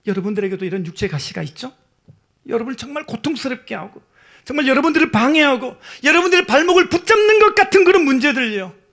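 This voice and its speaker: High-voiced preaching man. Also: very animated, fast. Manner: swings from hushed whispers to loud pleading cries. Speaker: pastor. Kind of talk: sermon.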